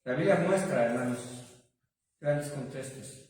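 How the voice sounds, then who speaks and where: Mexican pastor preaching in an echoey hall. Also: male voice, mid-range voice, takes it slowly, a little mellow. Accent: Mexican Spanish. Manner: addresses the congregation as brothers, with frequent rhetorical questions. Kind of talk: sermon and prayer. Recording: echoey hall, from far off the mic.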